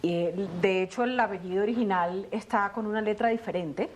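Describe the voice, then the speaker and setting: A middle-aged Colombian actress, appearing as a guest in a conversational interview, tells family stories with lots of animation and acts out the dialogue. Her voice sits at a medium pitch and moves a little fast.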